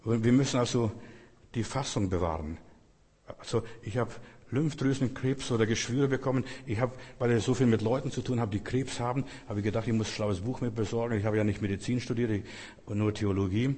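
A man's voice: medium pitch, a little fast, warm tone, husky. A man preaching a sermon in an earnest, repetitive way, speaking directly to his listeners. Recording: long echo of a large hall.

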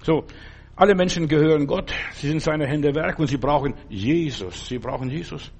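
A man's voice: on the high side, moderate pace, husky. A man preaching a sermon and reading a Bible story, talking in an earnest, fatherly way straight to the listener.

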